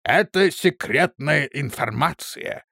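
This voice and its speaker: A man's voice: fairly high pitch, huge pitch swings, moderate pace, dry recording, studio quality. A man voicing a pompous male onion-headed clone captain who blusters and boasts, in an audiobook reading.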